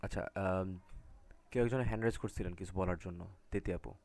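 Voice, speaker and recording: A man's voice: low voice, fairly even intonation, fairly quick, a little mellow. A man teaching a live online class over a video call, talking casually and often checking in with his students. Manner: casual, repeats "ঠিক আছে?" to check in with students.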